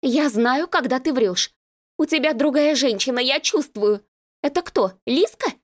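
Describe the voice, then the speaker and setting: A woman voicing a jealous young woman chattering fast and shrilly on the phone. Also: lively intonation. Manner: rapid, shrill, accusing.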